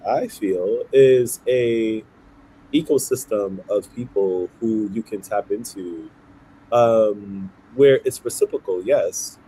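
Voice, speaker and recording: A man in his thirties, from Haiti and raised in Brooklyn, speaks as an interview guest. His voice is low and mellow, and he explains earnestly, checking in with "right?" as he goes. A faint hiss of noise sits under the recording. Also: low-quality recording. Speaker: guest, nonprofit founder. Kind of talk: conversational interview.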